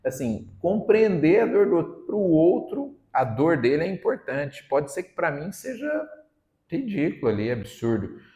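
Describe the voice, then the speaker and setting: A man's voice: fairly high pitch, very animated, measured pace, warm tone. A man with a Brazilian Portuguese accent giving a Sunday talk at a spiritist center, conversational and fond of tag questions. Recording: roomy hall sound.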